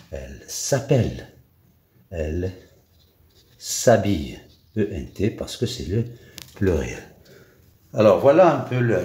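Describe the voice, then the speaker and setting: A man with a Moroccan accent teaching a grammar lesson, drilling forms slowly with many repetitions and fillers. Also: deep voice, a little mellow. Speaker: French teacher. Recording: echoey room.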